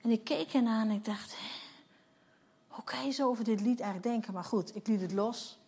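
A woman's voice: on the high side, a little fast, darkish tone, slightly rough. A woman in her fifties, a church leader, giving a personal testimony sermon and telling her story vividly while acting out the dialogue. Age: 50s.

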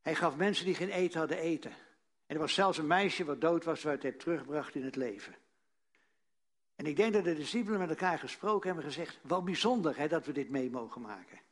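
A man preaching a sermon, earnest, repeating key phrases and dropping to a hush for emphasis. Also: fairly high pitch, fairly quick.

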